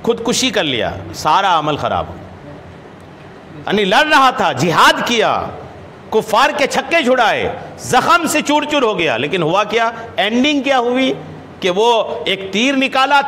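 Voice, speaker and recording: A man preaching a hadith lesson, who chants the Arabic text slowly, then explains it with rhetorical questions and repeated phrases. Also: high voice, bright, forceful tone. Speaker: religious scholar and preacher. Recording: long hall reverb, faint background noise.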